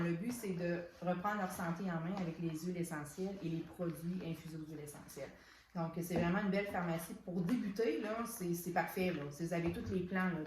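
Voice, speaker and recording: A chatty woman with a Québécois accent walks through products in a relaxed unboxing chat, stumbling over words and leaning on "donc". Her voice sits a bit low for a woman. It rings in an echoey room. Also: slight background noise. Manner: chatty, many restarts and "donc" fillers. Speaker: soap shop owner presenting products.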